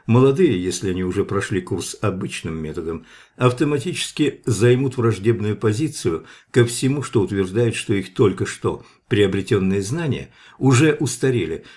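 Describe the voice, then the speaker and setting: A man's voice: on the low side, a little mellow, close to an everyday voice. A man reading the parting advice of an older male institute director in a grave, instructive manner.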